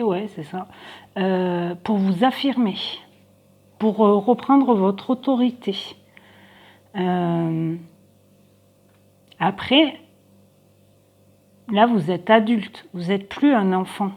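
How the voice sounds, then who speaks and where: Slow, hesitant woman reading cards. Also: mid-range voice, darkish tone. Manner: hesitant, many fillers, thinking aloud. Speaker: tarot card reader. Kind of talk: casual card reading for viewers.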